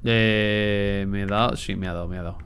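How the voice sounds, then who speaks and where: Swearing, excitable gameplay streamer man. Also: lowish voice, moderate pace, slight background noise. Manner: excitable, swears a lot, talks to himself. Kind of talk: casual gameplay commentary.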